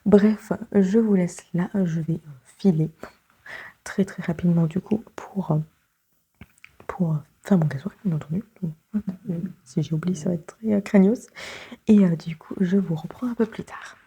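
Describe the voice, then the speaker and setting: A woman chats through her day in a relaxed vlog, her voice husky from a sore throat. She often slips into a whisper, and her tone stays mellow and soft. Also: on the low side, moderate pace. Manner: chatty, often drops to a whisper. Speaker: vlogger. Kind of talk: casual daily vlog chat.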